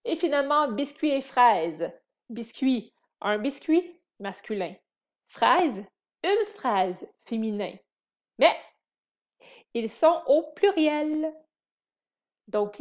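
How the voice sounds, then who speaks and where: Slow, patient woman teaching grammar. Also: fairly high pitch. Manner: patient, spells and repeats words for learners. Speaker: French teacher. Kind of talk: slow explanatory grammar lesson.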